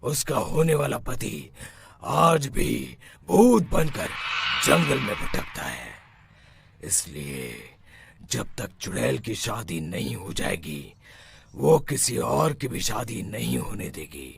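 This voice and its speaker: A man's voice: mid-range voice, big pitch swings, slow, creaky, exaggerated voice. A man voicing an assured, solemn village occultist in a dramatic cartoon horror story. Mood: ominous. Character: commanding male village occultist who hunts ghosts.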